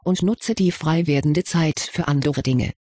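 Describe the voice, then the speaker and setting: A level-headed young wizard from a storybook, laying out his reasoning with a dry, lightly ironic edge, as a reader puts him on. The voice is a little husky and close, with no room around it. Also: mid-range voice, unhurried, darkish tone, no echo, lightly acted. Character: sensible, dry-witted schoolboy wizard. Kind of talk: audiobook reading of fan fiction.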